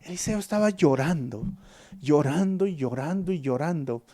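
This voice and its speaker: Gravelly pastor teaching scripture. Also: male voice, on the high side, animated, moderate pace, warm tone. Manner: earnest, storytelling, addresses listeners as brothers. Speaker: pastor teaching a Bible study. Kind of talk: expository Bible teaching.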